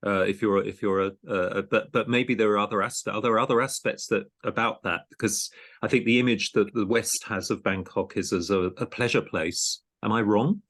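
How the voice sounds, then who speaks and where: A man with a fairly low voice hosts a conversational podcast interview. He talks with plenty of ums, pauses and restarts. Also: steady tone, a bit bright. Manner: hesitant, many ums and restarts. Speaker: podcast host and programme director.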